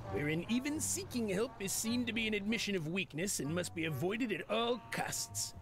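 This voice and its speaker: An actor playing a neurotic police officer in a cartoonish video game, wordy and self-pitying in a melodramatic way. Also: male voice, high-pitched, creaky, exaggerated voice. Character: neurotic, sleep-hacking male police officer, melodramatic and oblivious.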